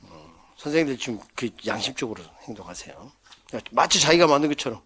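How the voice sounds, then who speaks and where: A man's voice: medium pitch, big pitch swings, fairly bright tone, breathy edge. A man teaching an exam-prep lecture, joking and acting out little scenes as memory tricks and quizzing his listeners as he goes. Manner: playful, jokes and mimics scenes for mnemonics; quizzes listeners with quick questions.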